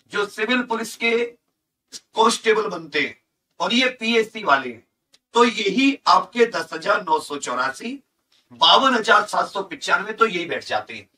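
Speaking in a high-pitched, bright, forceful voice, a male online coaching teacher explains job vacancy notices in an instructional lesson. He stresses and repeats key figures and points for his students, standing far from the mic in an indoor studio with a large digital board.

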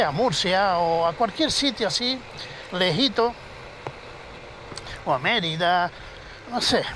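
High-voiced man riding a motorbike. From southern Spain. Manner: chatty, animated storytelling with swearing. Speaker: motovlogger. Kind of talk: casual chat while riding. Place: outdoors on a motorcycle at night, city streets. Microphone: helmet-mounted action camera. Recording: loud street and engine noise. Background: traffic and city street noise.

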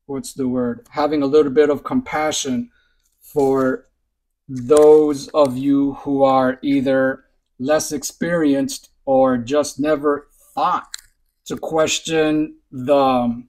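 A man's voice: mid-range voice, darkish tone, poor audio. A man hosting a hobby video, demonstrating a part up close and insistently repeating short pointers to look and see. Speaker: RC hobby channel host. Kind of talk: hands-on demonstration to camera. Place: indoors at a workbench.

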